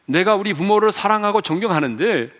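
A male pastor preaching a sermon, putting questions to the congregation, leading them in reading aloud, and swinging between loud and low for emphasis. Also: animated, brisk, big-room sound. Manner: wide swings in pitch and loudness, drops low for emphasis. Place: church sanctuary.

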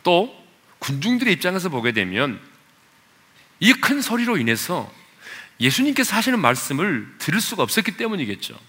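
A male pastor preaching a sermon with passion, climbing to loud appeals, then dropping to quiet asides and questions for the congregation. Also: on the high side, very animated, moderate pace, slightly rough. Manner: asks the congregation questions and leads them in reading.

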